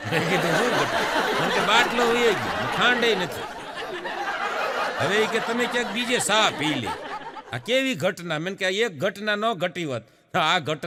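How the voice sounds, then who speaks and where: A middle-aged man, telling stand-up jokes in an animated way, laughing at his own punchlines and breaking into bits of song. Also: high-pitched. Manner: sings snatches of folk and film songs. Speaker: stand-up comedian. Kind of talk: Gujarati stand-up storytelling. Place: stage show before an audience in a hall.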